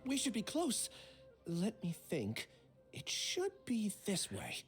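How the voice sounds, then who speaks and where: A woman's voice: medium pitch, huge pitch swings, takes it slowly, faint music behind. A woman playing a troubled, polite young scholar in a game, speaking hesitantly and wearily. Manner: hesitant, downplaying. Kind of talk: scripted game voice acting.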